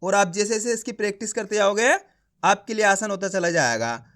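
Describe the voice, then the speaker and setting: A male teacher giving a reading lesson, sounding out each syllable slowly and then saying the whole word, coaxing viewers to practise. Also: high-pitched, fairly bright tone. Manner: addresses viewers as friends, coaxing them to practise.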